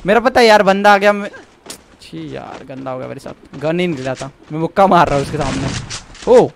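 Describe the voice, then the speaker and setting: A man in a casual gaming voice chat, calling plays to his squad with rapid repeated callouts that often drop low and quiet. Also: slight background noise. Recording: game gunfire in the background.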